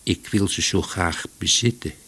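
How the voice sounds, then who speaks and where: A man voicing a shy elderly male book collector who speaks softly and apologetically. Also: sits low, a little slow, gravelly, breathy edge, full character voice. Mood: pleading. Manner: soft, apologetic, mumbling.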